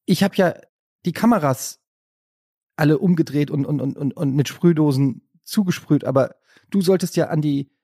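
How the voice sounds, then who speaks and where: A man playing a panicky, bossy husband hiding after a bank robbery, stammering and hushing in an improvised comedy sketch. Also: a little high, no echo, studio quality. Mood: probing. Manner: hurried, stammering, hushed bossing.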